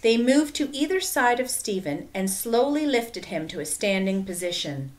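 A woman narrating a children's chapter book in an expressive, measured reading. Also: fairly high pitch. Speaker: audiobook narrator. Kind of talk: storybook narration.

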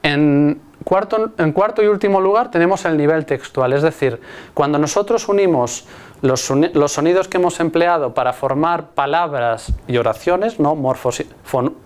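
A man delivering a recorded linguistics lecture, his voice fairly high and smooth. He explains patiently, restarting phrases and checking in with listeners as he goes. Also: normal speed, a little mellow. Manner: explanatory, with frequent restarts and rhetorical "¿no?".

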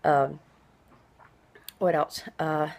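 A middle-aged woman vlogs very slowly from a small indoor room at home, her low voice gravelly and barely moving in pitch. She rambles in a relaxed, diary-like way, and her s sounds linger with a hiss.

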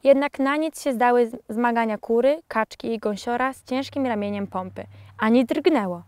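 A woman narrating a children's storybook in a lively, expressive reading. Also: on the high side, moderate pace, no echo.

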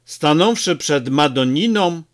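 A male audiobook narrator reads a novel with measured, expressive storytelling. His voice is fairly high and moves very freely in pitch, and he takes his time with every phrase.

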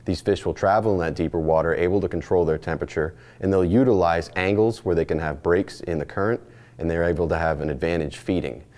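Low-voiced charter captain teaching fishing. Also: male voice, fast, darkish tone. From Northeastern United States. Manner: plainspoken, practical, speaks in short stacked phrases. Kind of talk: instructional presentation. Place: indoor studio set. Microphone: lapel mic, framed mid-shot.

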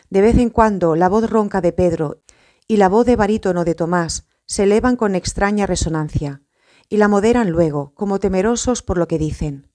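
Woman audiobook narrator, solemn measured reading, mellow dark tone. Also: lowish voice. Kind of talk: scripted religious audiobook narration.

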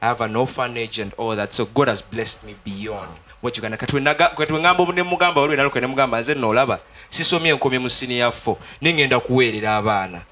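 A man's voice: medium pitch, bright, forceful tone, slight background noise. A young Ugandan man with a Ugandan accent, a gospel musician giving his testimony in a TV studio interview on a handheld mic, earnest and switching between Luganda and English. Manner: earnest, fast-talking, mixes Luganda and English.

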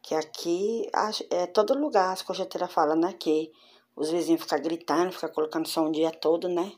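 A crochet vlogger with a low, slightly mellow voice speaks fairly quickly from a room at home with the door closed, showing her handmade crochet pieces one at a time. Her casual show-and-tell is chatty and familiar, and she addresses her viewers as girls.

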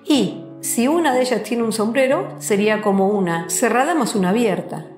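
A woman's voice: mid-range voice, darkish tone. Woman explaining a lesson like a little story, playful, echoey room w faint music behind. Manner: playful, storytelling, with rhetorical questions. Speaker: teacher. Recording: roomy echo, faint background music.

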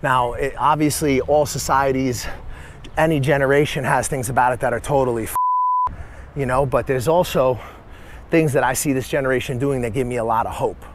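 A man's voice: medium pitch, steady tone, fairly quick. A man in his forties talking casually to camera while walking through a city, rambling and blunt, cutting off his own swear words. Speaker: vlogger and life coach. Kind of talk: casual walking vlog monologue. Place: city streets outdoors. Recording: outdoor street noise.

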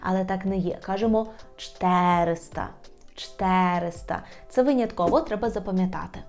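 A woman teaching a language lesson, explaining patiently, often asking "right?" and repeating words slowly. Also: mid-range voice, dark tone, soft background music.

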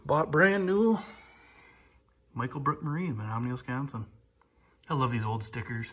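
Husky and fairly bright, this man's medium-pitched voice moves at normal speed as he rambles through a casual walkaround of an old snowmobile he's restoring. He films on a handheld phone in his garage workshop, plain-spoken and repeating "like I say."

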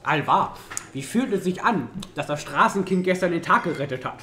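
A man in tabletop roleplay as a brisk, teasing, practical adventurer. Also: fairly high pitch, animated, bright, forceful tone, reverberant.

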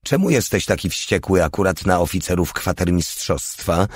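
A man's voice: low voice, normal speed, no room sound, clean studio sound. A man reading the lines of a sardonic, wounded one-armed soldier.

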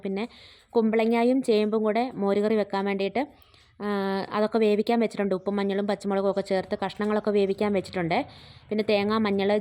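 A woman's voice: mid-range voice, warm tone, no echo. A woman narrating her home cooking and village life vlog in a chatty, homely voice-over, often tagging her sentences with little asides to the viewer. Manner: chatty, homely, often adds tag questions.

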